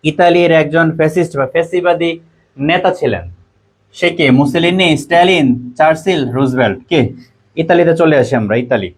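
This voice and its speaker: Bangladeshi tutor drilling quiz questions. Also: male voice, a little high, a little fast. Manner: repeats questions and options, reads out students' answers. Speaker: admission test tutor. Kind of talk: online quiz lesson.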